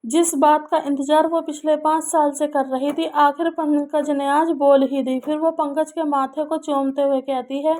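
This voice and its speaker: A woman's voice: high voice, level tone, a little slow, few pauses, mellow. A woman narrating an emotional love story in a sorrowful storytelling manner.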